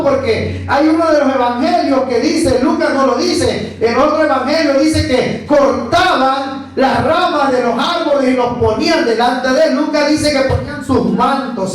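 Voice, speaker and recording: A pastor giving an emphatic sermon in a church and often calling the congregation brothers. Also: medium pitch. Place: church sanctuary. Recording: very echoey hall, mic far off.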